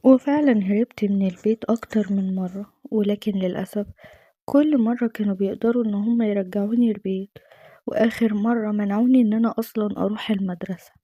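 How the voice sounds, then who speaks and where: A woman's voice: mid-range voice, warm tone, no room sound. Egyptian woman narrating a dramatic story. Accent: Egyptian Arabic. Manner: earnest, emotional storytelling.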